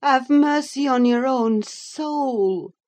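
A woman's voice: lowish voice, animated, unhurried. A woman voicing an indignant housekeeper protecting a child, her speech raised and urgent. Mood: pleading. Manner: pleading, raised and sharp. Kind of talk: audiobook character reading.

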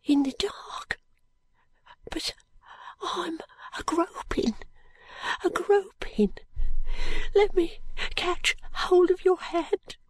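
A dying ragged street boy, weak and breathless, his voice high and thin, as a woman puts him on. He drags out each word slowly in dialect and fades into faint whispers. The recording is close and dry. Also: dry recording, full character voice. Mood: feeble.

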